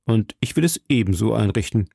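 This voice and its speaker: Man doing a cold sneering lord, dark gravelly voice, slow and smug. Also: fairly low pitch, animated, no room sound, clean studio sound, exaggerated voice. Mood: mocking. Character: coldly mocking aristocratic lord, middle-aged.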